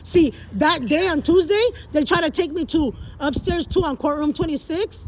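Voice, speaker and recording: A woman with a high voice speaks at a moderate pace during a heated phone call at a public library. Emphatic and insistent, she repeats herself often for weight, with faint noise in the background.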